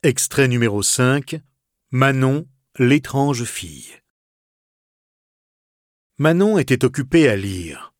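A man reading a classic novel aloud as narrator, expressive and softly dramatic. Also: medium pitch, slow, pauses often, no echo, studio quality. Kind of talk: literary audiobook reading.

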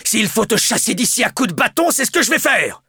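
An actor playing a quick-tempered old peasant man in an audiobook, barking threats in a gravelly, husky voice. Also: sits high, big pitch swings, sharp tone, dry recording, clean studio sound, heavily acted. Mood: angry shouting. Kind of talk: audiobook character voice.

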